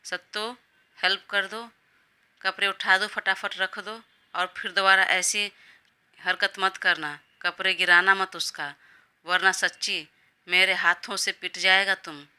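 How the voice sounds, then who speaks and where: A woman's voice: mid-range voice, fairly even intonation, measured pace, sharp tone, clean tone. A woman doing a fussy, doting grandmother. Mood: scolding. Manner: fussy, indulgent scolding. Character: doting old grandmother, scolding but affectionate.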